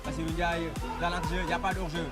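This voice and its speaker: A man's voice: a little high, level tone, quick pace. A man giving live football commentary as match commentator, with hesitant phrasing full of fillers. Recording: outdoor stadium with faint music and crowd.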